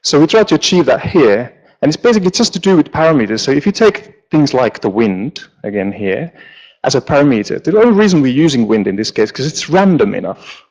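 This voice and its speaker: A man from Finland, a lighting designer giving a relaxed, joking conference talk with many ums, on stage in a large auditorium. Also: medium pitch, brisk, poor audio. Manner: relaxed, joking, with frequent fillers. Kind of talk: conference presentation.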